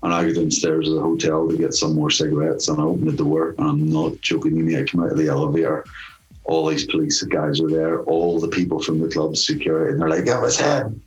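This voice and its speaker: A middle-aged man with a low voice tells a rowdy story as an interview guest. He swears freely and chuckles his way through it, with faint music underneath. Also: monotone, fast, muffled recording. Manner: profane, laughing storyteller. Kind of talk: casual anecdote telling.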